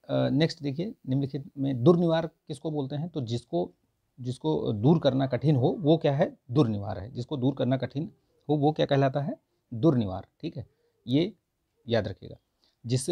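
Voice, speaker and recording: A man's voice: mid-range voice, creaky, warm tone, breathy edge. A man teaching a grammar exam-prep lesson, repeating each answer and checking in often with his students.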